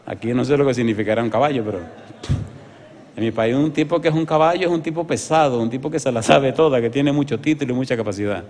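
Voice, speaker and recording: A man's voice: mid-range voice, quick pace, darkish tone, long reverb tail. A man with a Dominican accent preaching a sermon, telling a story and putting questions to the congregation. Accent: Dominican Spanish. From Dominican Republic. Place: church hall.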